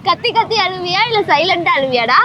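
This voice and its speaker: A woman's voice: very high-pitched, animated, a little fast, loud music behind the voice. A woman interviewing passers-by outdoors on a street, firing off teasing, probing questions. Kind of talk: street vox-pop interview.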